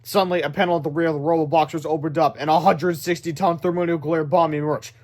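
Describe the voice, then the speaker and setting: A man reading a children's book aloud in an animated way, breaking off for excited asides. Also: fairly high pitch, fast. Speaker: read-aloud narrator.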